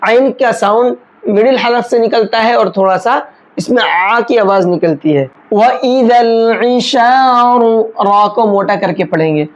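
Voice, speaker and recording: A woman teaching Quran tajweed step by step, patiently explaining letters and chanting verses slowly. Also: mid-range voice, highs cut off. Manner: slow, patient explanations with drawn-out chanted recitation. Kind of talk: step-by-step recitation lesson.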